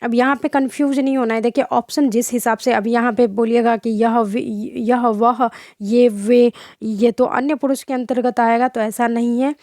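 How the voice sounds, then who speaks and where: A woman's voice: fairly high pitch, fairly even intonation, moderate pace, few pauses, a little mellow, no echo, studio quality. A young woman teaching an online grammar lesson, who keeps asking rhetorical questions and correcting herself as she goes.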